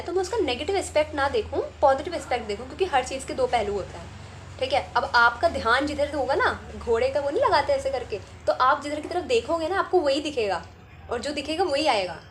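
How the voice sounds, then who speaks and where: A woman's voice: sits high, a little hiss or hum. A woman giving casual spiritual self-help advice, chatty and often checking in with "ठीक है?". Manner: chatty, keeps adding "ठीक है?". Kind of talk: casual advice talk to camera.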